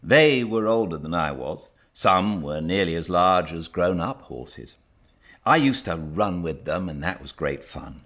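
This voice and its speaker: A man reading a storybook aloud as an audiobook narrator, measured and expressive. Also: low voice.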